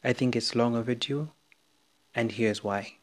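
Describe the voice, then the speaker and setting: A man's voice: mid-range voice, unhurried. A young man from Zambia with a Zambian English accent, hosting an opinion podcast in an earnest, frank, scripted monologue. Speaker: podcast host.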